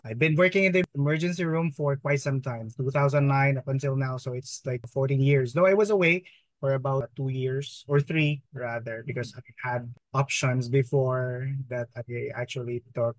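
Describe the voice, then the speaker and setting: A man's voice: medium pitch, normal speed, no room sound, poor audio. A Filipino-accented man in his thirties telling a personal story conversationally as an interview guest, slipping Tagalog words into his English. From Philippines. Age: 30s. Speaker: interview guest, emergency room nurse.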